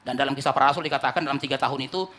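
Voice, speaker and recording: A male pastor preaching an animated sermon, often calling out to the congregation and mimicking churchgoers. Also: medium pitch, very fast.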